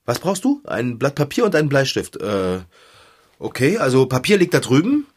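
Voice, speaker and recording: A man voicing a friendly shopkeeper who owns a cat, cheerful and chatty, with a husky voice. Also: medium pitch, huge pitch swings, moderate pace. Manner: cheerful, talks to an invisible friend.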